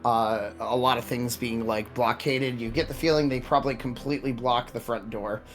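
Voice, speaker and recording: A man with a middling pitch runs a tabletop game over background music. He improvises his narration as game master, halting and doubling back on words. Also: steady tone.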